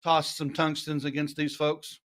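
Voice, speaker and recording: High-voiced man with an Ozark hill twang. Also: level tone, a little slow, fairly bright tone. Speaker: play-by-play commentator and host. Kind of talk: live darts commentary, conversational.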